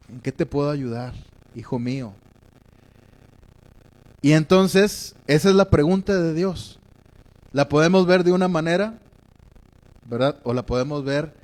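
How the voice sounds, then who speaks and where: A man's voice: mid-range voice, a little mellow. A man preaching a sermon in a reflective way, often checking in with his listeners.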